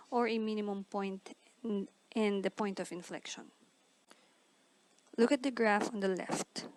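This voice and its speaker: A woman's voice: mid-range voice, low-quality recording. A woman teaching a recorded math lesson, explaining patiently step by step and restating each point.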